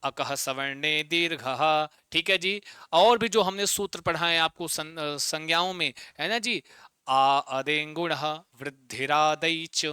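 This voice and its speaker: Male Sanskrit tutor, fairly high bright voice, crisp and dry, constant "got it?" check-ins, spells out syllables slowly. Online exam-prep lesson. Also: no room sound. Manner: drills students with repeated questions and tag checks. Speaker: Sanskrit teacher.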